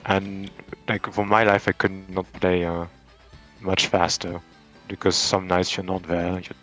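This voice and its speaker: Low-voiced Frenchman, rambling thoughtful answers. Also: little pitch movement, measured pace, fairly bright tone, faint music behind. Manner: thoughtful, rambling, frequent restarts and fillers. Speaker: tournament champion guest. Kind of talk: casual interview answers.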